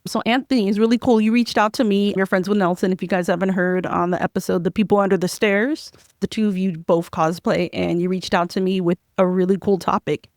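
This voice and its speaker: A woman's voice: mid-range voice, steady tone, a little fast, hardly any pauses, a little mellow, dry recording. Woman hosting her podcast, bubbly and chatty, mid voice, dry sound. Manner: upbeat, chatty, enthusiastic. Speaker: podcast host. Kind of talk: casual interview chat.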